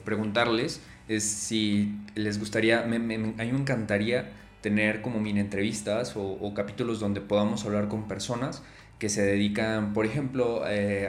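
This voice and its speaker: A man hosting a casual solo podcast, talking loosely with many fillers and repeated words. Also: on the low side. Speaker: podcast host. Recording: echoey room, faint music.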